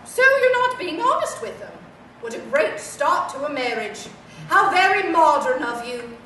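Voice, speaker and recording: A woman's voice: high-pitched, big pitch swings, a little slow, sharp tone, full character voice. Woman voicing a prim, chiding toy bear. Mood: teasing. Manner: chiding, calls her "dear". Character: prim, witty talking stuffed toy bear. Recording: echoey, distant, noisy room.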